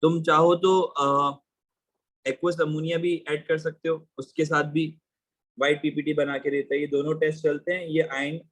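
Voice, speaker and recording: Male teacher with a fairly high voice, running a casual online chemistry class and mixing Hindi with English. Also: little pitch movement, normal speed, a bit bright, low-quality recording. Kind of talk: live online class, explaining exam questions.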